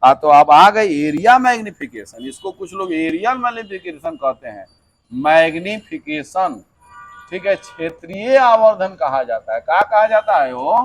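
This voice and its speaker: A man's voice: high voice, unhurried, soft background music. A man teaching a physics lesson for exam preparation, mixing in English terms and answering his own questions. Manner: lively, mixes English terms, asks and answers himself.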